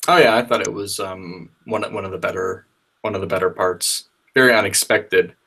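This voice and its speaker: Host: man with a very low voice, easygoing, casual interviewer. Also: steady tone, moderate pace, gravelly, sharp tone, slightly rough. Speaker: podcast host.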